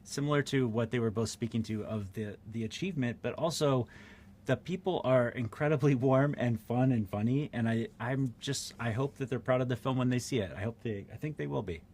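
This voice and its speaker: A man's voice: mid-range voice, a little fast, darkish tone, a little hiss or hum. Enthusiastic, candid man director. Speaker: film director. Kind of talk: interview answers.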